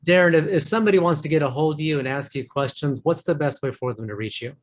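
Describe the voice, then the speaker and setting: A man hosting an interview, asking questions in a measured, friendly way. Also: fairly high pitch. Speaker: host.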